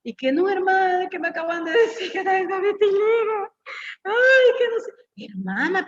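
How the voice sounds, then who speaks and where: As a guest speaker at a church women's meeting, a middle-aged woman with a high voice preaches informally, weaving in personal stories and teasing the women with direct questions in a lively, homey way. The audio is dull and lo-fi, with a long church-hall echo.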